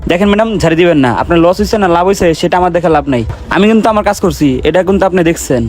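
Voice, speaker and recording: A man's voice: sits high, rapid-fire, darkish tone, faint music behind, close to an everyday voice. Man playing a blunt hired fake brother.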